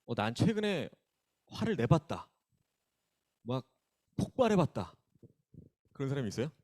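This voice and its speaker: Lively young man teasing a youth group. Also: medium pitch, moderate pace. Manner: bantering, teasing, calls on listeners by name. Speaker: youth pastor. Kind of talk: casual sermon opening with audience questions. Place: church worship hall.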